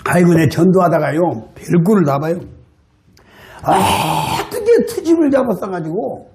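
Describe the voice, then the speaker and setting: Animated Korean lay preacher, lively high voice. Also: male voice, normal speed, reverberant. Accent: Jeolla Korean. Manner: animated, acts out dialogue with high excited voice. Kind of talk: sermon with acted-out anecdotes. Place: church hall.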